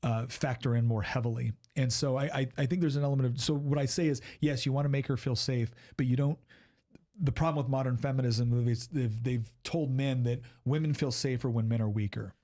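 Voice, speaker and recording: A man's voice: medium pitch, fairly even intonation, fairly quick, dark tone. A middle-aged man giving marriage advice in a casual podcast chat, earnest and rambling with many restarts.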